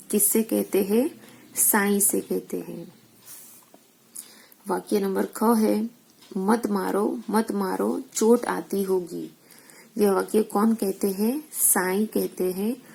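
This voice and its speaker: A woman's voice: mid-range voice, gravelly, warm tone, rough recording. A woman teacher goes through textbook exercises, asking questions and answering them herself, with English words mixed in. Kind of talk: recorded school lesson, explaining textbook exercises.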